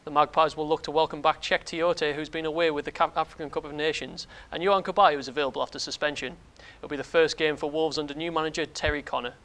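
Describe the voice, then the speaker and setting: A man presenting sports news, reading a script briskly with occasional slips. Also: on the high side, fairly even intonation, fairly bright tone.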